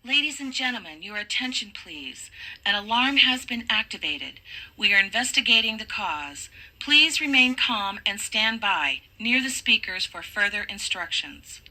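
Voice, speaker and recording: A woman gives a slow, formal emergency announcement through an alarm loudspeaker. Her voice is very bright and sharp, and her pitch sits in the middle range. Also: expressive, rough recording. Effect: played through an alarm loudspeaker.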